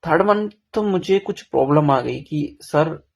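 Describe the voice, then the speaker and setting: A man's voice: on the high side, animated, unhurried, vocal fry, husky. A young man telling his own story in a frank, self-deprecating, rambling way, full of restarts, in a casual confessional vlog.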